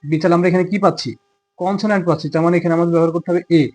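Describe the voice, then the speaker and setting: A man's voice: high voice, steady tone, very fast, a little mellow. A man with a Bangladeshi accent teaching a grammar lesson. He explains step by step and asks questions he answers himself.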